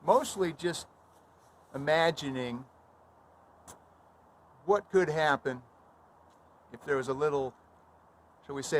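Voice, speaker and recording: A man in his sixties recites rhymed cowboy poetry outdoors, telling it in a folksy, dramatic way with deliberate pauses. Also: fairly high pitch. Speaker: cowboy poet. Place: outdoors in a wooded yard. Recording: outdoor recording with clear background noise.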